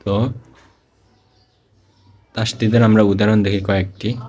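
A man with a Bangladeshi Bengali accent teaching Quran reading step by step, repeating each example word slowly in a drawn-out recitation. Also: fairly low pitch, flat delivery, darkish tone. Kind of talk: slow step-by-step lesson.

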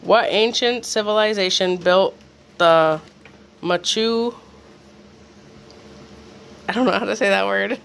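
Someone with a mid-range, slightly bright voice reads quiz questions aloud at a slow pace, with vocal fry and frequent pauses, now and then stumbling over words. They're off camera in a small room at home, in a homemade video with faint background noise.

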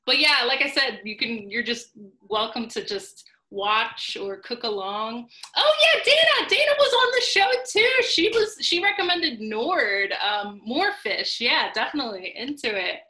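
A woman's voice: a little high, expressive, unhurried, few pauses, sharp tone, echoey room. A woman hosting a live online cooking class on a video call, chatty and upbeat with lots of fillers. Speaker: host.

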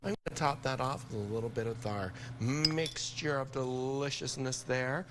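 A man's voice: mid-range voice, moderate pace, background noise. An older man, a TV chef, talking viewers through a recipe in a studio kitchen, upbeat and enthusiastic. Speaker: TV cooking chef. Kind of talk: live TV cooking demo.

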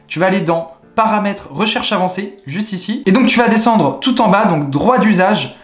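A man's voice: high-pitched, normal speed. Man, French accent, young adult, screen tutorial, upbeat and chatty, echoey room. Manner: chatty, repeats filler words, upbeat salesy instructions. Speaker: online money-making tutorial host. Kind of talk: screen-recorded tutorial walkthrough.

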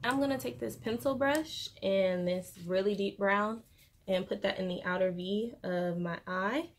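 This young woman's voice is medium-pitched and measured. Filming a makeup tutorial indoors in her bedroom, the beauty vlogger chats in a casual, slangy way, with noticeable room noise on the recording.

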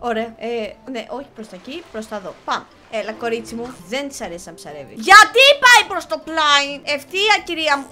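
A woman's voice: sits high, sharp tone. A young woman casually commenting on her own gameplay, chatty and often exasperated, talking to her viewers and to the game characters. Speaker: gaming channel host. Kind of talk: casual let's-play commentary. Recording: faint game music behind.

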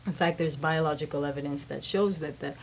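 An Armenian woman in her thirties appears as an interview guest from a winery, explaining grapes and history in a poised, informative way. Her voice is low-pitched and her pace a little fast, recorded indoors on a wine shop studio set with slight background noise.

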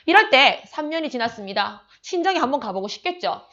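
Slangy, animated woman teacher. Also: high-pitched, fast. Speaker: Korean literature teacher. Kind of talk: casual exam-prep lecture. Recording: slightly muffled audio.

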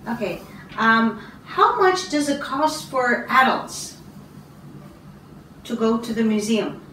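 A middle-aged woman from Canada, an English teacher giving a speaking test, slow and encouraging with many ums and throat clears. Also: a little high, expressive, pushed and bright, slight background noise. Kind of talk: slow, patient test interview. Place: small classroom office, indoors. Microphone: far camera. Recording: roomy, distant camera sound.

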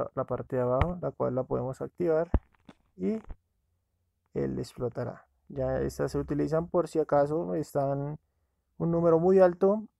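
A man's voice: fairly high pitch, creaky, darkish tone, dry recording. A man casually narrating a screen-recorded app walkthrough, talking to viewers as friends. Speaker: app reviewer.

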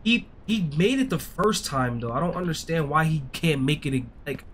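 A man's voice: fairly high pitch, big pitch swings, moderate pace, fairly bright tone, slight background noise. A young man giving casual, slangy gameplay commentary, grumbling in frustration and swearing as he goes. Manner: slangy, swearing, often addressing listeners as bro. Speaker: gaming streamer. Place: indoor streaming setup.

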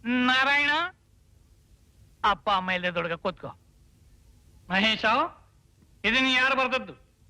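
A bright, high-voiced scolding teacher. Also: male voice, slow, pauses often, smooth, exaggerated voice. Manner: mock-stern, scolding. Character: stern comic man schoolteacher scolding pupils. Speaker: schoolteacher.

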